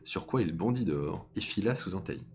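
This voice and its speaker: A man's voice: sits low, a little fast, a little hiss or hum. Guy reading a folk tale live on stream, voice goes up and down a lot, casual asides. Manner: lively reading, breaks off to comment on voices.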